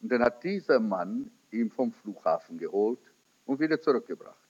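Slow preacher guy telling a testimony, pitch jumps all over, kinda muffled recording. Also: very animated, a little mellow, husky. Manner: storytelling, quoting in lowered voice, rising emphatic peaks. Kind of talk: sermon testimony. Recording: dull lo-fi recording.

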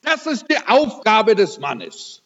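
A man's voice: high voice, huge pitch swings, slow, a bit bright. An older man preaching a sermon, telling a personal story with emotional, dramatic swings. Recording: reverberant hall, dull lo-fi sound.

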